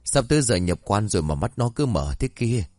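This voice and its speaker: A man's voice: on the low side, sing-song, fairly quick, darkish tone, dry recording. A man voicing a practical, fretful old village grandmother. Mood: worried.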